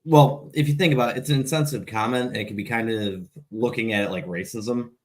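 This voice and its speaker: A man's voice: medium pitch, fast talker. Casual podcast co-host, a man with an Illinois accent, rambling delivery with restarts. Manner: rambling, repeats words when starting. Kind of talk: casual late-night chat.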